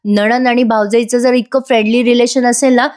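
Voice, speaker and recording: A woman's voice: on the high side, steady tone, brisk, a little mellow. A woman narrating a voice-over recap of a TV serial episode, chatting directly to the viewers. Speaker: serial reviewer.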